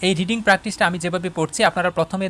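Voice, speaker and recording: A man from Bangladesh teaching English in an online video lesson, talking straight to his students and checking often that they follow. When he reads English passages aloud, he slows right down and takes them word by word. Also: high-pitched, fairly even intonation, a bit bright, slight background noise. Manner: talks to viewers as students, often asking "all right?".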